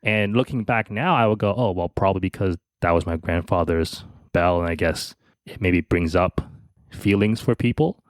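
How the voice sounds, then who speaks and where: Man, low voice, dry close sound, halting reflective storytelling, podcast co-host. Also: no room sound. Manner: halting, many restarts, soft laughs.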